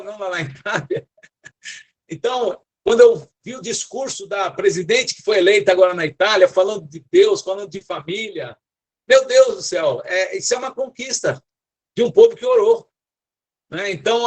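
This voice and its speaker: An older man with a São Paulo accent preaches to a scattered congregation over a video call. His voice sits a little high for a man, and he exhorts earnestly, often checking in with his listeners. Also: expressive, brisk. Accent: São Paulo Portuguese. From São Paulo, Brazil. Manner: earnest, exhorting, frequent tag questions. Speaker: apostle, guest preacher. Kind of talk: online church preaching.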